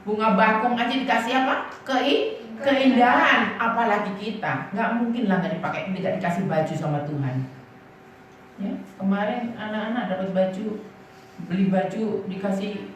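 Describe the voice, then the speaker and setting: A woman pastor preaching in a lively, chatty way, telling personal stories and often asking the congregation to agree. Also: medium pitch, normal speed, slight background noise. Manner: lively storytelling, keeps asking the congregation "right?"; casual and chatty, often laughing as she tells stories. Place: church. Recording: echoey church hall from a distant mic.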